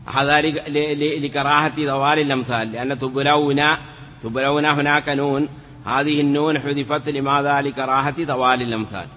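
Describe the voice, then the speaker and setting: Brief: male teacher, bright, steady voice, patient step-by-step explaining, dull lo-fi recording in a reverberant hall. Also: mid-range voice. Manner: explains step by step, asks the class questions, draws out words slowly. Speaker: teacher of Arabic morphology. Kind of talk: classroom lesson. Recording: lo-fi, hall reverb, faint noise.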